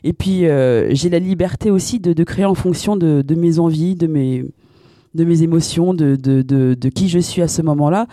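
A woman's voice: low-pitched, moderate pace, warm tone, no room sound, studio quality. A woman singer from France, answering radio interview questions with many fillers and restarts. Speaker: singer guest.

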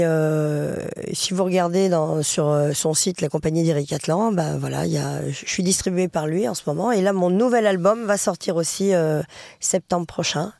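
A woman singer and author talking casually in an interview, chatty and lively, with many fillers and restarts, and a French Traveller community accent. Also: low voice, gravelly, no echo, studio quality.

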